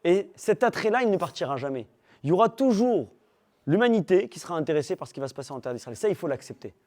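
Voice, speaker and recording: High-voiced man teaching a lively class. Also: quick pace. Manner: animated, asks rhetorical questions, checks in with listeners; teasing humor with the audience. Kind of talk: lively religious class talk.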